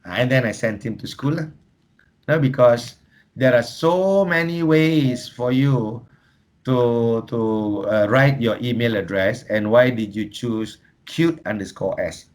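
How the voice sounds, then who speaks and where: A man's voice: medium pitch, measured pace. Man, Malaysian English accent, workshop presenter, humorous storytelling, mixes in Malay. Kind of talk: lively teaching talk.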